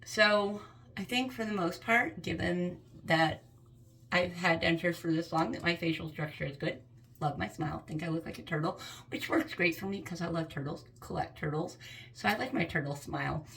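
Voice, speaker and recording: A woman's voice: lowish voice, normal speed, vocal fry, a bit bright, slight background noise, low-quality recording. A woman in her fifties speaking candidly and earnestly to camera in a personal vlog. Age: 50s. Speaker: vlogger.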